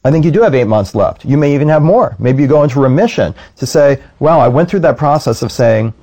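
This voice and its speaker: Earnest rabbi with a mellow voice. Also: male voice, medium pitch, animated, fast. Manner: earnest, slips into quoted voices while telling stories. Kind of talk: reflective conversational chat.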